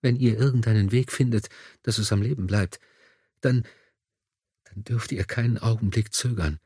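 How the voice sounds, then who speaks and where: A man's voice: lowish voice, moderate pace, a little mellow, slightly rough, dry recording, clean studio sound. A man whispering as a feverish dying noblewoman. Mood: pleading. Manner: breathless whisper. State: feverish, weak. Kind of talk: audiobook dialogue.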